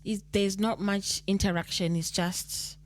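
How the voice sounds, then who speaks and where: A Zimbabwean woman co-hosts a podcast in a mid-range voice at a measured pace, chatting casually and reading out a listener letter. She's relaxed, repeats phrases, and now and then mixes Shona into her English.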